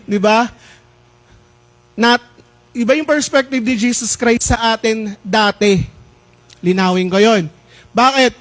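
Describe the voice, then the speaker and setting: High-voiced Filipino pastor preaching. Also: male voice. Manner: conversational preaching, asks the crowd "Di ba?" and "Amen?" often, mixes in English; slows down when reading verses aloud. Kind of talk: sermon.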